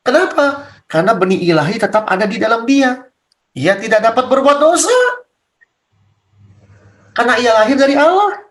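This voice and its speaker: High-voiced man teaching bluntly. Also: fairly bright tone. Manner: blunt, colloquial, fires rhetorical questions. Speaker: pastor leading a Bible study. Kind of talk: casual Bible study teaching.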